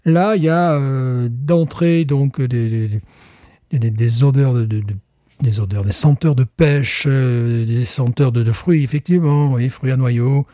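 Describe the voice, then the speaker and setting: A man's voice: medium pitch, unhurried, dark tone, dry recording, studio quality. A man co-hosting a beer tasting show in casual chat, rambling with fillers and restarts. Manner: rambling, many fillers and restarts, chuckles often.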